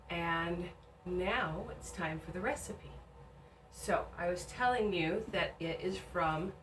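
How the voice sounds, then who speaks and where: A woman hosting a video, explaining and reading aloud in a deliberate, explanatory way. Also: on the low side. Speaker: video host presenting a historical recipe. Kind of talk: casual explanation and reading aloud from an old book. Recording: distant microphone with faint background noise.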